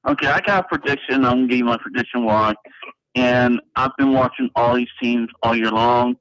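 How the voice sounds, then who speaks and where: A man's voice: mid-range voice, fairly quick, a bit bright, no room sound. Male caller on a muffled phone line. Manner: rambling, run-on predictions. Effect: heard over a phone line. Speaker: radio call-in caller. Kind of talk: casual call-in sports opinion.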